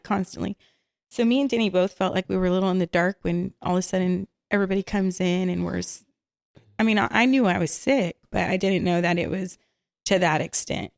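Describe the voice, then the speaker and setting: A woman's voice: mid-range voice, gravelly, no echo, clean studio sound. A woman sharing her own testimony as a guest, earnest and matter-of-fact. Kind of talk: casual personal storytelling.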